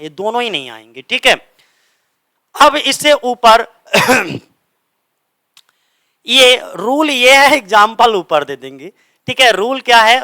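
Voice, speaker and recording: Bright-voiced male grammar teacher. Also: high voice, clean tone, dry recording. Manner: explains step by step, asks and answers his own questions; reads English examples slowly and deliberately. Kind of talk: exam-prep grammar lesson. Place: coaching centre classroom.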